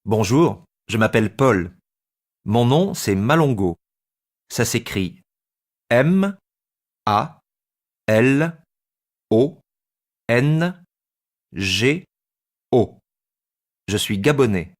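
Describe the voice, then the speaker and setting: Slow man spelling his name carefully. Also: medium pitch, very animated. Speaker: actor in a textbook dialogue. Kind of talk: scripted dialogue reading.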